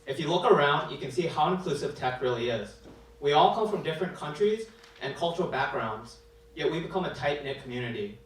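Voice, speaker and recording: Man speaking in a booming hall. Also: expressive, fairly quick. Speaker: presenting developer. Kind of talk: scripted demo presentation. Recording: echoey hall mic from a distance.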